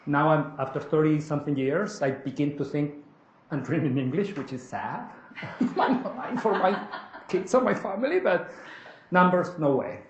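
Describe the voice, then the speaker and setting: A man's voice: a little high, unhurried, dull audio. Peruvian-accented man leading a seminar. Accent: Peruvian Spanish. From Peru. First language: Spanish. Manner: animated, asks the room, often tags "correct?". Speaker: workshop leader. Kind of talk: interactive seminar teaching. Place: seminar room. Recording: echoey room, faint noise.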